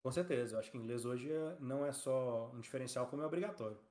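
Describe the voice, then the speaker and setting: A man, a company founder as a podcast guest, telling stories in an animated, slangy way. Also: mid-range voice. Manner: fast, animated storytelling with slang. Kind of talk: casual interview chat.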